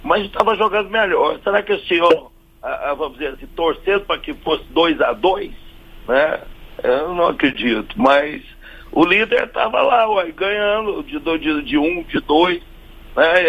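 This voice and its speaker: A man with a Brazilian Portuguese accent commenting on football for a radio sports show, halting and restarting often. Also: on the high side, breathy edge, muffled recording.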